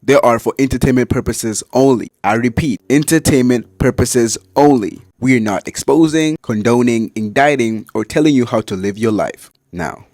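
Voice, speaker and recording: A man reading a scripted podcast disclaimer in a measured, deliberate way. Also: medium pitch, darkish tone, no echo, studio quality. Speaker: disclaimer announcer.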